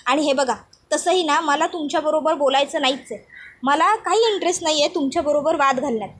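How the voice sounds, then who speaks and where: A woman's voice: high-pitched, fairly quick, fairly bright tone. Woman voicing a curt, accusing young man. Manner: pressing, curt questions.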